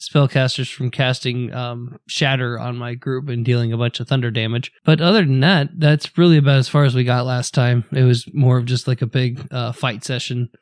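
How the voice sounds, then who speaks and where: A man's voice: medium pitch, level tone, normal speed, few pauses, clear, resonant tone, no echo, clean studio sound. A man co-hosting a podcast, chatting casually in a laid-back, rambling way with filler words. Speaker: podcast co-host.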